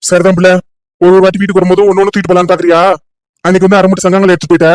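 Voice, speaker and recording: A woman voicing a gruff, impatient young village man who talks in a dismissive, scolding way in a cartoon love story. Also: on the low side, level tone, very fast, darkish tone, a little hiss or hum, voice pushed down, natural voice. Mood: teasing.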